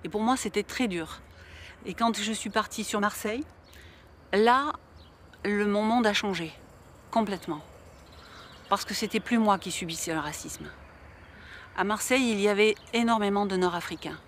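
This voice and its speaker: A woman's voice: mid-range voice, normal speed, long pauses, slight background noise. A woman giving a heartfelt interview testimony.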